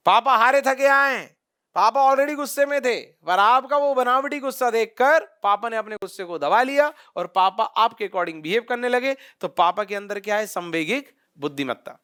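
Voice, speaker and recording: Male coaching teacher, very high, bright voice, animated storyteller. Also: moderate pace, clean tone. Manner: lively storytelling, addresses students directly. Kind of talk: classroom lecture with acted-out anecdotes.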